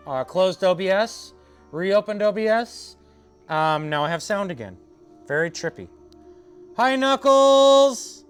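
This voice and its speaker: A man streaming a video game, chatting loosely with viewers and explaining a puzzle with many fillers. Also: fairly high pitch. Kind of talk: casual let's-play commentary.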